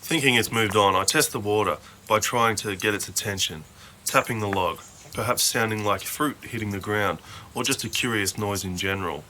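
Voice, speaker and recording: A man reading a measured, scripted nature documentary voice-over. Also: fairly low pitch, sharp tone, a little hiss or hum. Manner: measured, informative delivery. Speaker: documentary narrator.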